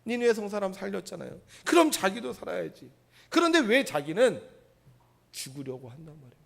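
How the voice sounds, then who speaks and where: A male pastor preaching a sermon, with dramatic pauses and rhetorical questions to the congregation. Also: sits high, sing-song, vocal fry.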